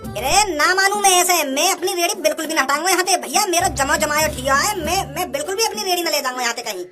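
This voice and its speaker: An old male street vendor in a cartoon, stubborn and rustic in his speech, as a woman voices him. The voice is very high and cartoonish. Background music plays under the scene. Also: fast, lightly acted. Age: older. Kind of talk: cartoon voice acting.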